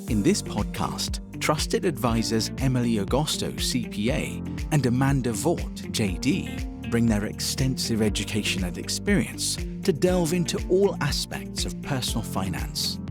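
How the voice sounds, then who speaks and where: Polished male announcer over music. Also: medium pitch. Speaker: show announcer. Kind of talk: scripted podcast intro. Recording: music bed underneath.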